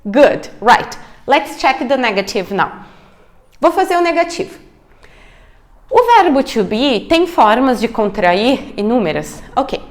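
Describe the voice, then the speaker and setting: A woman whose first language is Portuguese teaches English grammar on video. Her voice sits high and moves a lot between notes, and she takes her time. She tosses in English check-ins between explanations and draws out the example words. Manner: lively, frequent English check-ins like ok and alright; drawn-out, slowed model pronunciations.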